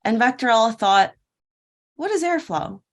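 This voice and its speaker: This keynote speaker at a tech conference has a fairly high, expressive voice at normal speed. Her prepared talk unfolds as a playful fairytale parable in which she poses questions and answers them herself.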